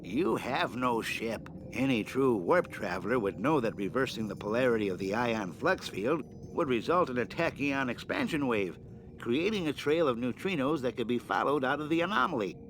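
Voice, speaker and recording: Man playing a grumpy, animated gravedigger in a game. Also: medium pitch, normal speed, noisy background, natural voice. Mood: challenging. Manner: querulous, skeptical, scolding. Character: jumpy, grumpy, stubborn gravedigger who loves horror novels. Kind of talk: comic adventure game acting.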